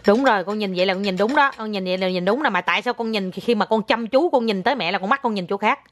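A woman's voice: medium pitch, fast. Patient mother coaxing her child. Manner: patient, coaxing, repeats herself, mixes in English. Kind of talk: casual talk with her young child.

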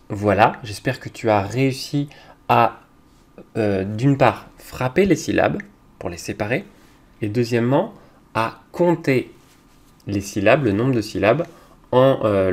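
A man teaching young children, talking slowly and patiently, with hesitant fillers. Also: on the low side. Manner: speaks slowly to a child, hesitant fillers, loudly claps out each word. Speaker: kindergarten teacher.

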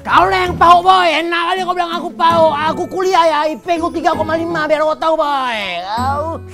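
A man's voice: very high-pitched, steady tone, normal speed, over music. A man acting in a comedic skit, bantering in brash slang.

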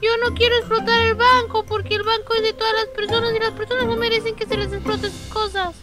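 A woman's voice: extremely high pitch, little pitch movement, fast, bright, forceful tone, soft background music. A young woman in a game roleplay, stubborn and earnest, often repeating herself. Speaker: roleplay partner.

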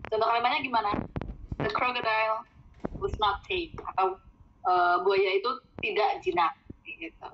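A woman giving a casual vocabulary lesson, saying each word slowly several times and correcting herself with fillers. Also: medium pitch, sharp tone, dull audio, a little hiss or hum. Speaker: English teacher.

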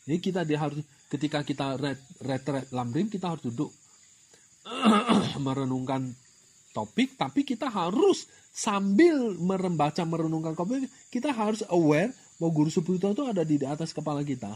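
A man giving an animated dharma talk, throwing rhetorical questions at listeners and mixing in English words. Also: fairly high pitch, normal speed, husky. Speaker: Buddhist dharma teacher.

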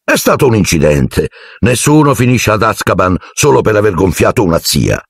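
A man's voice: on the low side, very animated, moderate pace, vocal fry, breathy edge, no echo, studio quality, voice pushed up, full character voice. A man voicing a fussy, jovial middle-aged minister who talks to a boy in a genial, patronizing and evasive way.

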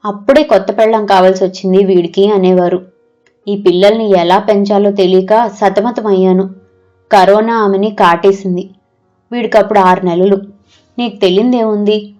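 A woman voicing a gentle middle-aged father who speaks slowly and reassuringly in an audio story. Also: mid-range voice, muffled recording, soft background music, lightly acted. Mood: soothing. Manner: slow, calm and reassuring.

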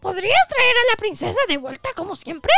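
A fussy little male mushroom retainer, played by a woman, squeaks his lines in a bright, very high, sing-song voice. He bounces up and down in pitch as he chatters, with faint game music behind him. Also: big pitch swings, brisk, no echo, heavily acted. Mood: fussing. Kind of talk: reading game dialogue aloud in voices.

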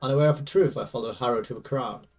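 A man's voice: mid-range voice, fast talker, creaky, distant mic. A man reading aloud as a young male game protagonist, confused and anxious, over faint game music. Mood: uneasy.

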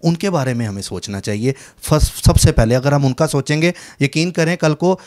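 A man's voice: a little high, normal speed, darkish tone. A man with a Pakistani accent hosting an interview, talking in a chatty, earnest, patriotic way. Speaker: interview host. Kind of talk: casual interview chat.

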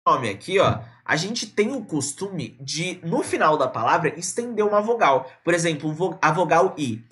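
A man from Brazil teaching a live online English lesson, casual and chatty, repeating words slowly to model pronunciation. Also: fairly high pitch, sing-song, fairly bright tone. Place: indoors at a computer, streaming live.

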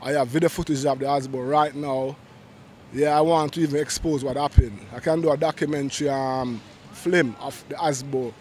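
A man's voice: medium pitch, steady tone, moderate pace, darkish tone. A middle-aged man, telling a painful personal story in a street interview, talking urgently and often restarting his phrases. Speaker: interviewee in a street vox pop. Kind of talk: emotional personal testimony. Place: busy city street outdoors. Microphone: handheld interviewer mic held close. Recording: faint street traffic behind. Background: faint traffic and street ambience.

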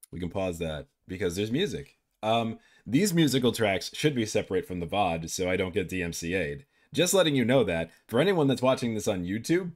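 A man streaming live as a VTuber, chatting casually in a playful, rambling way and swearing freely. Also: on the low side.

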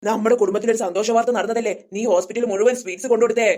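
A woman's voice: on the high side, fairly even intonation, rapid-fire, mellow, close to an everyday voice. A woman voicing a doting aunt who fusses over a newborn in a toy-play story. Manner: fussing, gushing.

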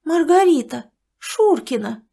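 A woman reader voicing a loud, nosy, quick-tempered village woman who talks shrilly and fast. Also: natural voice. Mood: excited. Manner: shrill and rapid.

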